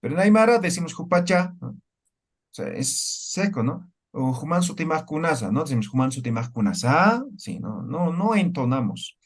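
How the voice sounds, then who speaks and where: A man's voice: a little high, big pitch swings, moderate pace. A man teaching a language class. He explains step by step and keeps checking with the students through short questions. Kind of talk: classroom lecture.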